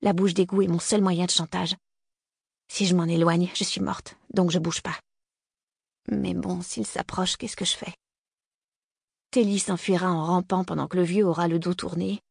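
A woman narrating a novel in the first person, tense and hushed in narration and livelier in dialogue. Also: on the low side, steady tone, normal speed, creaky, long pauses, slightly rough, no room sound, studio quality. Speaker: audiobook narrator.

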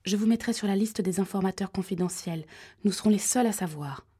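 A woman's voice: medium pitch, a little fast, mellow, slightly rough, close to an everyday voice. A woman voicing a tense female investigator who speaks steadily and insistently on the phone in an audiobook. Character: tense female investigator, calm but pressing.

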